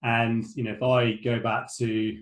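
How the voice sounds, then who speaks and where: A middle-aged podcast host conducts a casual interview from home over a remote call, talking loosely and rambling with lots of fillers and restarts. His mid-range voice is flat and a little slow.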